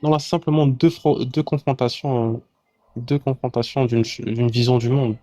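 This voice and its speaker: A man with a mellow, medium-pitched voice tries to calm a live debate down. He speaks in a measured way, filling pauses with "euh". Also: dry recording. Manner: measured, filler-heavy. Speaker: debate participant. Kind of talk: calm mediation.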